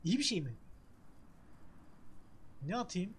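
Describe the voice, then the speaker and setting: A woman's voice: mid-range voice, sing-song, unhurried, breathy edge. A woman playing a game and talking to herself, swearing, joking and yelping when she gets hit. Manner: talks to herself, swears and jokes, yelps at hits. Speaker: gamer. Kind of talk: casual let's-play commentary.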